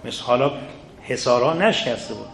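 A man's voice: medium pitch, expressive, vocal fry, fairly bright tone. Earnest male teacher in an echoey room. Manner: earnest, rhetorical questions, addresses listeners directly. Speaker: seminary teacher. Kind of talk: religious lecture to students. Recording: echoey room, faint background noise.

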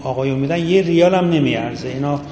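A man's voice: mid-range voice, warm tone, slight background noise. A middle-aged man teaching a seminary jurisprudence class, talking casually and addressing his students directly. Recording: echoey hall with long reverb, faint ambience.

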